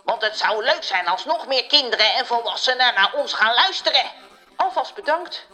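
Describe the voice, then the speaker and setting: A woman's voice: fairly high pitch, animated, normal speed, pushed and bright. A woman giving a friendly podcast outro, speaking directly to listeners. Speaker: podcast host.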